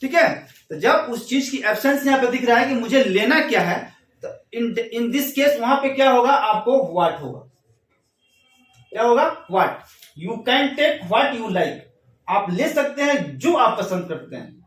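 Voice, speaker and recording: A man with a high voice teaches grammar in a classroom style. He reads each English example slowly and then explains it again. The sound is roomy and echoey, and he stands a bit away from the mic. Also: sing-song, fairly bright tone, far from the mic.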